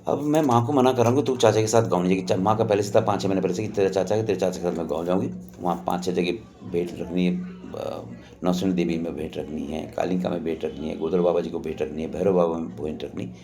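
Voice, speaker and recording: This older man speaks fast in a low-pitched, warm, steady voice while recalling a personal memory. His storytelling is casual and meandering, often reenacting others' lines.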